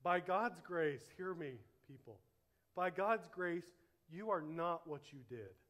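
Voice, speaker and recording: A man's voice: fairly high pitch, lively intonation, slow, a bit bright. A pastor preaching a sermon at a church service, earnest and emphatic, his delivery swelling and dropping to stress each point.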